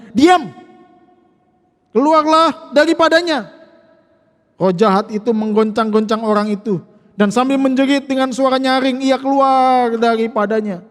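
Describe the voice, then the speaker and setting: High-voiced preacher in a reverberant church. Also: male voice. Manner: conversational, asks the congregation rhetorical questions. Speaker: pastor. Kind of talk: sermon. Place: church sanctuary.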